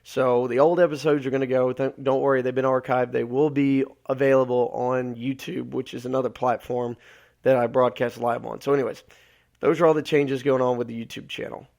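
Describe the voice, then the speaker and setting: A man's voice: mid-range voice, flat delivery, a little fast, vocal fry, a little mellow. A man from Alabama, hosting a solo live podcast, losing his voice and rambling with many filler words. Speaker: podcast host.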